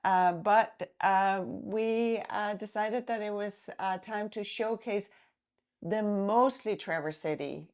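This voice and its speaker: A woman, co-hosting a podcast in unhurried casual chat full of filler pauses. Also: medium pitch, clear, resonant tone. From Denmark. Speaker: podcast co-host.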